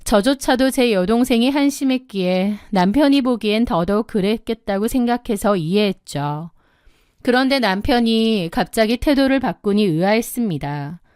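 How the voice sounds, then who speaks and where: A woman in her thirties telling a first-person story in a measured, indignant way. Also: medium pitch, a little mellow, clear, resonant tone, dry recording, studio quality. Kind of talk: scripted first-person narration.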